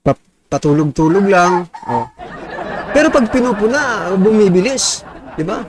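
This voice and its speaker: A man's voice: high voice, lively intonation, measured pace, background noise. A man from the Philippines giving casual political commentary as a reaction vlogger, chatty and chuckling, often tossing out rhetorical questions.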